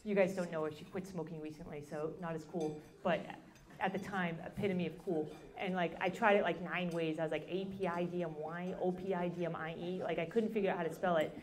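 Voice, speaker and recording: A woman's voice: fairly low pitch, fairly even intonation, brisk. A woman performing a stand-up comedy set on a club stage into a handheld mic, dry and self-deprecating, casual with lots of fillers. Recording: live audience laughter.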